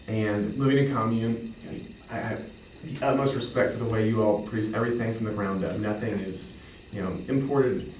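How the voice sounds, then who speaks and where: A man improvising a sales pitch as a representative, speaking in an earnest, accommodating and halting way. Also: a little mellow, dull audio. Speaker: clinic representative in an improvised role-play. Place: echoey room, mic at a distance. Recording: roomy, distant mic, faint noise.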